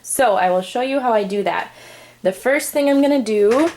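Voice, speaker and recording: With background noise behind her, a young mother with a fairly high voice talks at a normal speed during an off-the-cuff how-to at her kitchen sink. She explains cloth diaper care as she works, chatting casually with many fillers.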